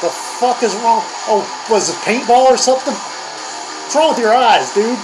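A man's voice: very high voice, animated, measured pace, rough recording. An older man hosting a comedic reaction video, grumbling and mocking in a crude, profane way. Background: heavy metal music playing.

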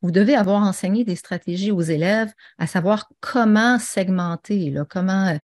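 A woman's voice: mid-range voice, moderate pace, a little mellow. A woman presenting an online teaching webinar, chatty and full of fillers and restarts. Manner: conversational, with many fillers and restarts.

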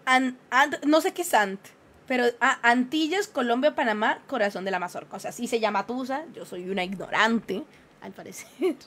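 Young woman, high voice, streamer, casual chat, animated storytelling. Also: normal speed. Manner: animated storytelling, self-mocking, reads aloud from a dictionary.

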